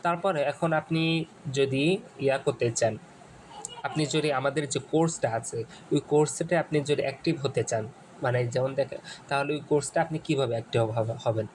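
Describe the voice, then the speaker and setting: Male teacher from Bangladesh, tutorial walkthrough, halting and repetitive delivery, mid pitch, faint background hiss. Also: darkish tone, low-quality recording. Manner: repetitive, halting, many restarts and fillers. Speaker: Arabic course instructor. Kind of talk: screen-share tutorial walkthrough.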